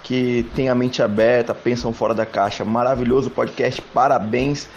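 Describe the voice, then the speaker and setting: A man's voice: medium pitch, steady tone, normal speed, gravelly, muffled recording, a little hiss or hum. A man in his twenties from Brazil, enthusiastically recording a message of thanks to a podcast he listens to. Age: 20s. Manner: enthusiastic, formal greeting.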